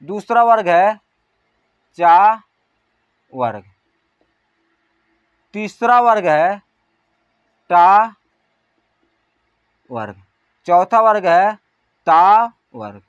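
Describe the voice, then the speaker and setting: A man teaching an exam-prep grammar lesson, asking questions and answering them himself, calling out syllables one by one and trailing off softly. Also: high voice, big pitch swings, extremely slow, pauses often, clear, resonant tone, no room sound, highs cut off.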